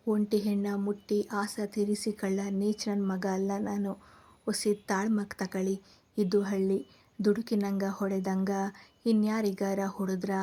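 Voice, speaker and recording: A woman's voice: mid-range voice, mellow, lightly acted. A woman narrator voicing a blunt, hot-tempered young village man who talks in rustic dialect.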